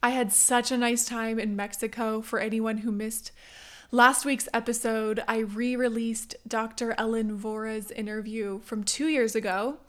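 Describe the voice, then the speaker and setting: Female podcast host, fairly high register, gravelly strained tone, informal and chatty solo delivery. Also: level tone, a little slow. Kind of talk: casual solo podcast introduction.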